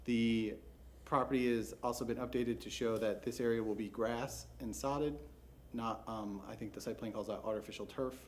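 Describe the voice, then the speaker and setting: A man giving a brisk, businesslike, formal case presentation at a public hearing, as a staff member. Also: mid-range voice, fairly even intonation, a little mellow. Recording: faint noise, public hearing room.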